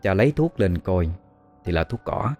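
Deep-voiced Southern Vietnamese storyteller. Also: male voice, sing-song, warm tone, soft background music. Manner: slow, measured, hesitant with fillers. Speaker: ghost story host. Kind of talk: storytelling narration.

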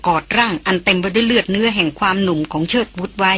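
A woman narrates a novel for an audiobook in a steady, expressive way. Her voice is bright with a husky grain, heard close and dry. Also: medium pitch, fast talker, dry recording.

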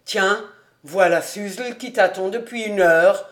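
A woman voicing a jovial, boastful middle-aged bachelor in a storybook reading, speaking in a lowered, bluff and self-satisfied voice. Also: slow, lightly acted.

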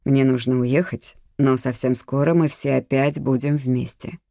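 An audiobook reader voicing a cold adult male killer who coaxes and threatens in a slow, low, soft voice. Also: steady tone, creaky, no room sound, studio quality. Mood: coaxing. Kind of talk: audiobook character reading.

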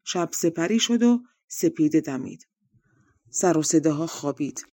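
A woman narrating a folk tale audiobook in an even, conversational reading style. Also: sits low, no room sound, clean studio sound. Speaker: audiobook reader. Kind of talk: storybook narration.

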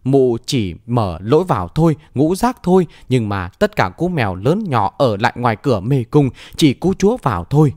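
A man's voice: medium pitch, sing-song, normal speed, hardly any pauses, darkish tone, dry recording, close to an everyday voice. A sly palace gatekeeper woman, as a male reader puts her on, who laughs off threats with curt, mocking words. Her storybook voice rises and falls freely and is recorded dry and close.

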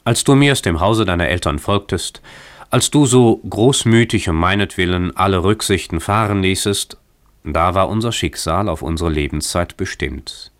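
A man's voice: low-pitched, normal speed, dry recording, clean studio sound, lightly acted. Man reading as a cheerful, playful young husband. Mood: jovial. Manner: exuberant, mock-grand declaiming. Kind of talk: radio story reading.

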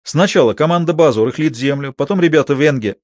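A man voicing a quick-witted sixteen-year-old son in an audiobook, talking casually. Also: fairly high pitch, darkish tone, no echo, close to an everyday voice. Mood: breezy.

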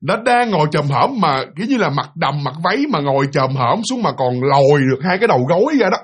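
Husky, fairly high man telling a ghost tale vividly to his listeners. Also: fast talker. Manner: lively, vivid, speaks directly to listeners. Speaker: storyteller. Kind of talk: casual spoken ghost story.

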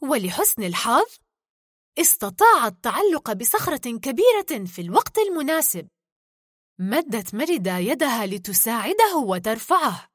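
Expressive high-voiced woman storyteller. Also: no room sound, studio quality. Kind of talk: children's story narration.

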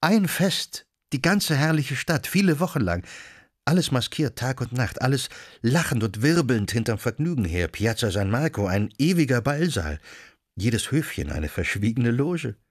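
A man's voice: mid-range voice, very animated, normal speed, no room sound, studio quality, voice pushed up. A man voicing a young woman in an audiobook, gushing with rhapsodic enthusiasm. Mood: rapturous. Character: young woman rhapsodizing about her city.

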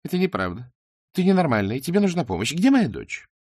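A man's voice: fairly high pitch, big pitch swings, fast, darkish tone, husky, no room sound, full character voice. A man voicing a middle-aged rocker mother held captive, pleading and insistent in a storybook reading.

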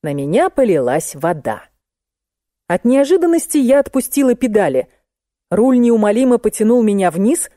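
A woman narrates a comic audiobook in the first person, with lively, ironic storytelling. Her voice sits fairly high and rises and falls widely. The sound is warm and mellow, close-miked in a dry space. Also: moderate pace, dry recording.

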